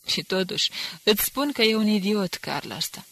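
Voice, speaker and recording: A woman's voice: mid-range voice, lively intonation, fairly bright tone, dry recording, voice pushed up. A woman reading the part of a contemptuous, hard-drinking male enemy agent who speaks with cool disdain. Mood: scornful.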